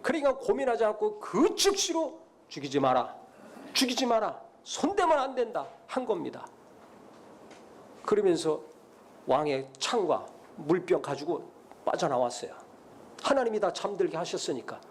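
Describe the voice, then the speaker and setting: A man's voice: high-pitched, sing-song, moderate pace, long pauses, a little hiss or hum. A male pastor preaching a sermon, dramatically retelling biblical scenes and rising to emphatic blessings.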